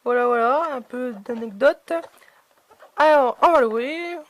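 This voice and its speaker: A woman's voice: high-pitched, a little slow, slight background noise. A woman chatting casually as she unboxes collectible figurines, hesitant and full of fillers.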